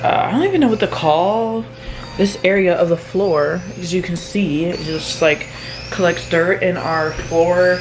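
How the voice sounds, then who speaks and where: A young single mom talks casually through her weekend routine in a low, relaxed voice, sounding a little tired. She rambles, trails off and laughs at herself, with music playing clearly under her voice. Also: unhurried. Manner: chatty, rambling, self-deprecating with soft laughs. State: tired, yawning. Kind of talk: casual vlog narration.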